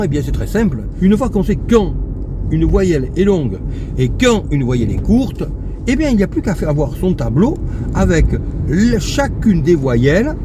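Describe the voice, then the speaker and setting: Lively high-voiced man teaching pronunciation. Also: noisy background. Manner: careful, deliberate explaining with stretched-out example words. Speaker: language teacher. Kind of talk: explanatory lesson.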